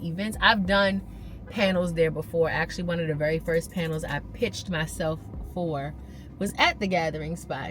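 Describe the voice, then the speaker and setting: Chatty woman vlogger, lowish voice. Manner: chatty, repeats herself, addresses viewers as y'all. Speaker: lifestyle vlogger. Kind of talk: casual vlog chat to camera. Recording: loud background music. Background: loud music.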